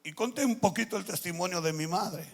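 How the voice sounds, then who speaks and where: Gravelly older Argentine pastor preaching. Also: male voice, high voice, fairly quick. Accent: Argentine Spanish. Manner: storytelling, swings from hushed to shouting. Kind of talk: testimony sermon. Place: large church with music behind.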